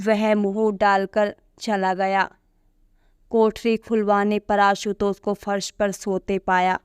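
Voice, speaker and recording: A woman calmly reading a short story aloud to her channel's listeners. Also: medium pitch, smooth, dry recording, clean studio sound.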